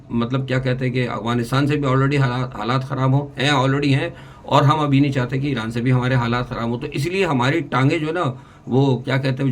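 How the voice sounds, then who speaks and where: Brief: male commentator, mid pitch, loose off-the-cuff delivery, frequent restarts and asides. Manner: rambling, many restarts and asides, mixes in English words. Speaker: political commentator. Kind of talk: unscripted political commentary.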